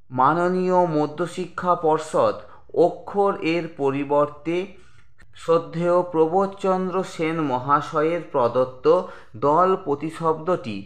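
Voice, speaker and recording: A man teaching a grammar lesson, explaining slowly and deliberately with examples. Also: fairly high pitch, echoey room.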